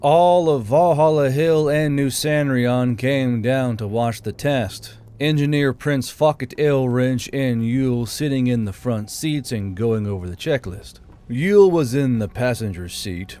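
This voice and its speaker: Over background music, a man narrates scripted fantasy fiction as an audiobook reader, using a mellow, mid-range voice.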